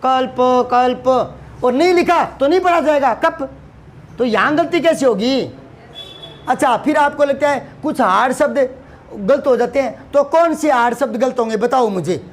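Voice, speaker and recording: A man's voice: very high voice, moderate pace, a little hiss or hum. A man teaching a lesson to students, scolding and asking rhetorical questions, often repeating words for emphasis. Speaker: Hindi teacher.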